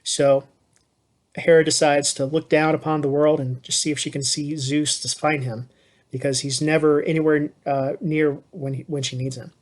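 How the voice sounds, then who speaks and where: A man's voice: a little high, level tone, moderate pace. A male teacher retelling a myth to his class in a loose, conversational way, full of fillers and restarts. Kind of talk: casual storytelling lesson.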